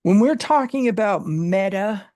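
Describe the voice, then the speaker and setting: Explaining word meanings in a Bible study, this teacher speaks haltingly, often restarting and filling pauses. The warm, mid-range voice has lively intonation, captured at studio quality with no room sound.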